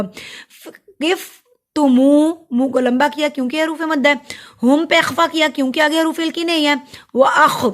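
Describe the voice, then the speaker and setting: A woman teaching Quran recitation rules, explaining each letter and drawing out the words slowly. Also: high voice. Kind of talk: tajweed lesson with recitation.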